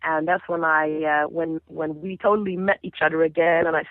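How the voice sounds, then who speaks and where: A Caribbean singer in her thirties whose first language is Papiamento talks briskly in a low, level voice. As a guest in a casual interview over the phone, dry-recorded, she recounts stories animatedly, with many restarts.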